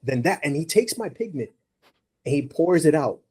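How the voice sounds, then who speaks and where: A male podcast host telling a story in casual chat, animated and profane, acting out the people in it. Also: fairly high pitch, normal speed, noisy background. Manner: animated, profane, acts out dialogue.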